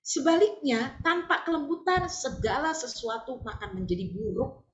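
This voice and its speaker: An older woman teaching a religious study group, animated and often asking her listeners to agree. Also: high voice, normal speed, echoey room, muffled recording.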